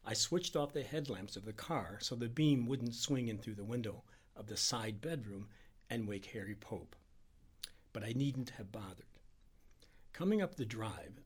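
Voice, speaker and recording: A man reading a story aloud with a dramatic, expressive delivery. His voice is husky and a little rough, and it rises and falls in pitch a lot. He lets the tension build as the tale goes on. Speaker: reader. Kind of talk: scripted narration.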